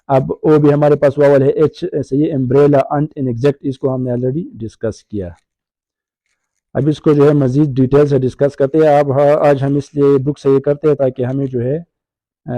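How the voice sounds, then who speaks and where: A man's voice: medium pitch, warm tone, no echo, rough recording. A man giving a grammar lecture in a mix of Urdu and English, checking in with "right?" as he goes. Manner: explains in Urdu mixed with English, asks "right?" often. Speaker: grammar teacher. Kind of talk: recorded lecture.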